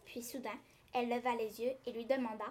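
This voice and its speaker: A woman narrating a children's story in a gentle, even storytelling manner. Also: on the high side, brisk. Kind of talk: storybook reading.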